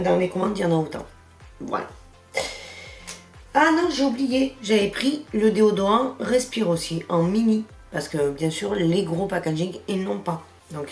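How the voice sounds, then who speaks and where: A woman with a lowish, gravelly voice talks through her beauty haul in an animated, exclamatory way. The room is echoey, with soft music playing underneath. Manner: chatty and exclamatory, with many "voilà" and "hein" fillers. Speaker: beauty vlogger. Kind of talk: casual makeup haul chat.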